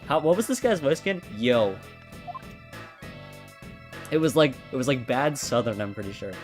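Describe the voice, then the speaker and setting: A man's voice: mid-range voice, lively intonation, normal speed. A man reading game dialogue aloud and joking about his own voices, over game music. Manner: joking, self-deprecating. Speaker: let's play voice-over reader. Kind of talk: casual commentary while dubbing a game.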